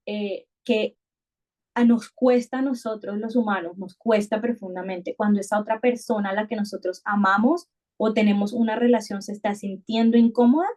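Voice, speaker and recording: A woman's voice: fairly high pitch, mellow. A woman hosting a conversation. She speaks thoughtfully, often restarting and repeating words as she works through an idea. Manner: thoughtful, many restarts and repetitions. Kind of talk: reflective conversational podcast talk.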